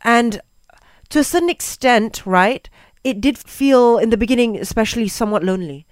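A woman's voice: fairly high pitch, expressive, moderate pace, no echo, studio quality. A woman co-hosting a radio breakfast show, talking in an earnest, reflective way with many fillers. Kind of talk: casual radio chat.

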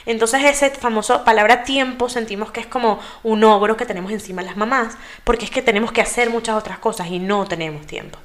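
A woman speaking as a mother, sharing parenting tips in relaxed conversational chat. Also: a little high, brisk, few pauses. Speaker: guest giving parenting tips. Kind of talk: casual talk-show chat.

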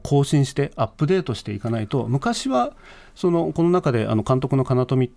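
A man's voice: medium pitch, very animated, fairly quick, gravelly, darkish tone. A man speaking as a guest in a radio interview, thoughtful and hesitant, with many fillers and restarts. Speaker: guest, news department head.

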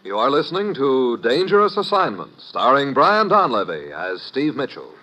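A man announcing a radio show in a formal, measured way. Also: mid-range voice, very animated. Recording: dull vintage radio broadcast with music.

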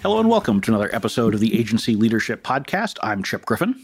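A man co-hosting a business podcast in casual chat, with measured delivery and dry jokes. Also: fairly low pitch, sing-song, breathy edge, faint music behind. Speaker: podcast co-host.

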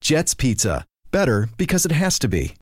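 A man's voice: mid-range voice, sing-song, moderate pace, a little hiss or hum. A man reading scripted commercials as an advertisement announcer. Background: music.

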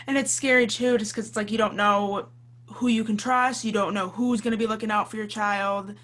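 A woman's voice: medium pitch, steady tone, fairly quick, fairly bright tone. A woman hosting an interview, asking supportive, probing questions in a conversational way. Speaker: interviewer, podcast host.

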